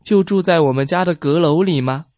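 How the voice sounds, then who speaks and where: A man voicing a polite, curious little girl asking gentle questions. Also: on the high side, fairly quick, no room sound, clean studio sound, pitched above the performer's own voice, natural voice. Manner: polite and inquisitive.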